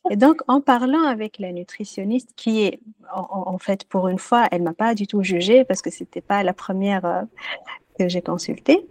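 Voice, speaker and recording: A woman speaking as a guest in a relaxed interview, recounting her own story in an earnest, reflective way. She often pauses and restarts as she searches for her words. Her voice sits at a medium pitch and is recorded dry, with no room sound. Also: no echo. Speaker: podcast guest, music therapist. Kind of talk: casual personal storytelling in an interview.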